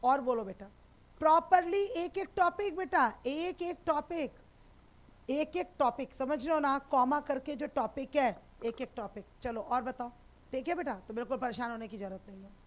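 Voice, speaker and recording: Female tutor, high pitch, affectionate and reassuring, live online class. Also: fairly quick. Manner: affectionate, reassuring, calls students beta. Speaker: sociology teacher.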